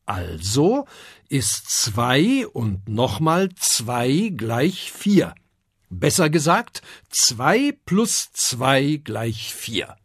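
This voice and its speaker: A reader voicing a patient dragon schoolteacher in a children's story, explaining slowly and clearly. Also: medium pitch, big pitch swings, no room sound, clean studio sound, exaggerated voice. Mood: teaching. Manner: slow, explaining, teacherly.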